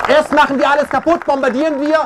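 A man's voice: very high-pitched, little pitch movement, fast talker. A man giving an impassioned protest speech at an outdoor demonstration, emphatic and often tagging on "ja?". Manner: emphatic, keeps tagging questions with "ja?". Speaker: speaker at a peace rally. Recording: faint crowd noise outdoors.

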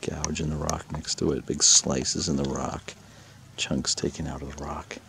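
A man with a very deep voice and vocal fry paddles along a rocky lakeshore, hunting a lake monster and speaking at normal speed. Excited, he narrates casually in first person and frequently whispers to the camera. Outdoor camera audio picks up the water and paddle noise.

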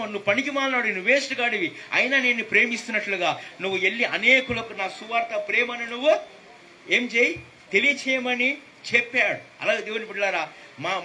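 A man's voice: high-pitched, pushed and bright, slight background noise. A man preaching a fervent sermon as pastor, calling out hallelujahs throughout.

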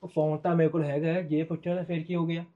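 A man's voice: a little high, level tone, racing, natural voice. A man playing a defensive young husband. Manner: defensive, hushing. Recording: dull lo-fi sound.

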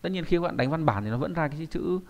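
A man teaching an online kanji lesson in a chatty, explanatory way, often pausing to check that his students follow. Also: a little high, expressive, vocal fry, darkish tone. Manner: explanatory, with frequent checking tags. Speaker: Japanese teacher.

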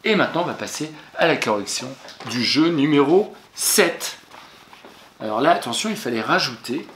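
A man's voice: a little high, animated, normal speed, fairly bright tone, a little hiss or hum. A male teacher patiently going over exercise answers for a young pupil, speaking to them directly and spelling words out letter by letter. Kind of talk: classroom lesson correction for young pupils. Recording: echoey room.

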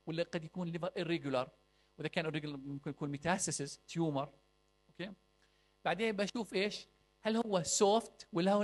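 A young man teaching a clinical medicine class, quizzing students with rhetorical questions and mixing in English medical terms. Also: high-pitched. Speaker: medical lecturer.

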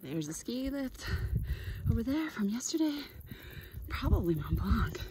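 A woman's voice: a little high, big pitch swings, measured pace, warm tone, a little hiss or hum. A woman talking casually and playfully to her camera while hiking a mountain trail, cracking little jokes as she goes. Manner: playful, chatty, jokey. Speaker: hiking vlogger.

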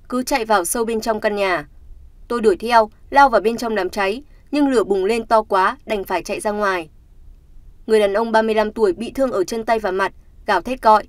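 A woman reading a scripted news report in a steady, somber tone. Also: mid-range voice, no echo. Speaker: news narrator.

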